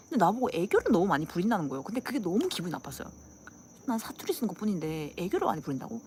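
Lively woman with a Gyeongsang accent. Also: medium pitch, a little hiss or hum. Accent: Gyeongsang dialect. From Gyeongsang region, South Korea. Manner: animated, acts out dialect lines, laughs often. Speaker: channel host. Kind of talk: casual chat with viewers.

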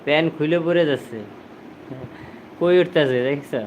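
A man's voice: on the high side, normal speed, slight background noise, low-quality recording. A man, speaking casually to his young child on a live stream and coaxing him over and over. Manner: coaxing and pleading, repeats himself.

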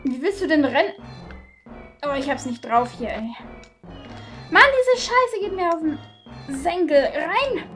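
A woman commentating a video game playthrough, excitable and quick to curse and shriek when frustrated. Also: high-pitched, faint music behind. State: out of breath. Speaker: let's play gamer.

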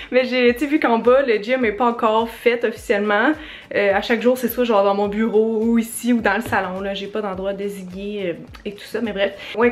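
A young woman with a Québécois French accent, chatting casually to the camera in her home studio, rambling and self-deprecating, often laughing at herself. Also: fairly high pitch. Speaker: vlogger. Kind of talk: casual vlog chat to camera.

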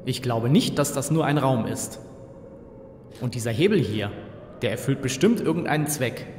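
A man's voice: medium pitch, expressive, moderate pace, background noise, natural voice. Man as an earnest adventurer hero, echoey. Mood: puzzled. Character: earnest, determined male adventurer-archaeologist hero. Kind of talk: amateur film dub acting. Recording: echoey, loud film music behind.

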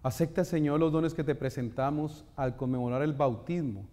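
Middle-aged man, priest at Mass, solemn liturgical delivery, mellow tone, cathedral echo, long church reverb. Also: on the high side. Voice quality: echoing, cathedral-like reverberant sound. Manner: solemn, measured delivery in short phrases. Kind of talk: liturgical preaching and recited prayer. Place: inside a stone-walled church, at the altar and lectern.

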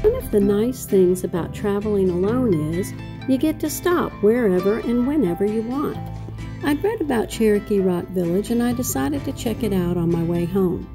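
A middle-aged woman narrates her travel vlog in a reflective, unhurried voice. Her pitch sits in an ordinary middle range. Music plays behind her. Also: animated. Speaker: travel vlogger.

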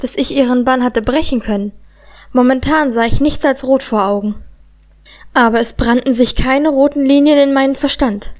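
A woman with a high voice reads a first-person fantasy audiobook. Her delivery is tense and dramatic, and she carries the action forward steadily. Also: darkish tone. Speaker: audiobook reader.

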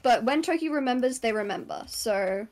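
A woman with a somewhat high voice streams a horror game. She comments casually on her play in the jumpy way of someone who scares easily. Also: lively intonation, normal speed, a little mellow. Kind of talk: casual live gameplay commentary.

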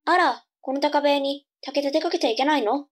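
A woman's voice: sits high, moderate pace, natural voice. A woman playing a cheeky young girl, a sassy little sister, with cute anime delivery in a tongue-twister audio drama. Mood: pert.

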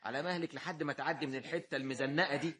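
An actor playing an indignant young son with an Egyptian accent, breathy and protective, in a radio comedy. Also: male voice, on the high side, very fast, pushed and bright. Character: indignant young son defending his mother.

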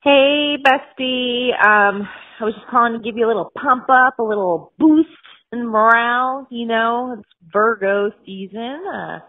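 A woman's voice: fairly high pitch, a little slow. A woman, a podcast co-host, leaving a chatty, rambling voicemail for her best friend over a phone line. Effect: voicemail message over a phone line.

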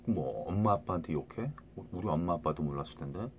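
A middle-aged man with a very deep voice rambles to his viewers, tripping over words and checking in with "right?" again and again. A faint hiss sits under his phone recording. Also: expressive, quick pace. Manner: rambling, many restarts, keeps asking "right?". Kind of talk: rambling casual monologue to viewers.

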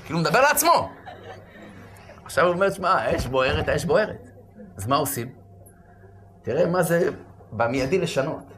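A man preaching as a rabbi, telling a story with acted-out shouts and sudden loud bursts. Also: a little high, sing-song, pauses often. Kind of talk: animated storytelling sermon.

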